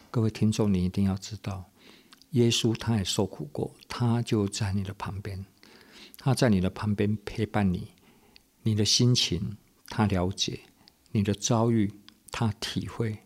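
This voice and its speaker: A man, a pastor and radio host, giving an earnest, measured sermon and repeating phrases for emphasis. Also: on the low side, slightly rough.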